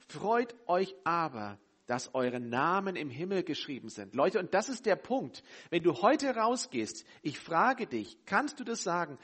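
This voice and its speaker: Husky guy giving a sermon, urgent then hushed, voice leaping all over. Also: sits high. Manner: emphatic, swings between loud urgency and quiet intensity. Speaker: preacher.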